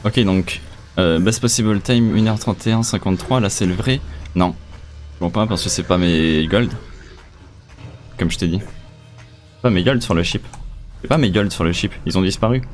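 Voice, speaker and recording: A man with a very deep, low-pitched voice chats loosely with his stream audience as he plays, joking at his own expense and trailing off mid-thought. Faint game music plays softly underneath. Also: moderate pace. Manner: chatty, distracted, self-mocking. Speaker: speedrunner streamer. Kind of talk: casual commentary while playing.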